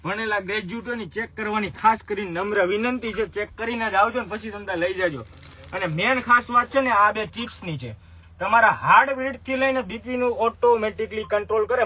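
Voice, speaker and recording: A man talks through a live-stream sales pitch in a fairly high voice. He is chatty and persuasive, and he keeps circling back to the same selling points as he holds up items from his shop. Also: sharp tone. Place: clothing shop.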